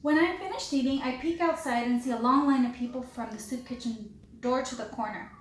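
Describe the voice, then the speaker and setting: A woman, a teacher, reading a children's picture book aloud in a clear, expressive storytelling voice. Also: high-pitched, brisk. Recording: roomy with faint background hiss.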